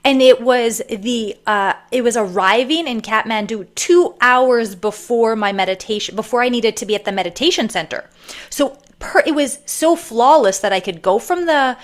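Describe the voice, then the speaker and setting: Woman, from Canada, podcast guest, chatty storytelling, rambling with fillers, higher voice. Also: normal speed. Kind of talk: casual storytelling interview.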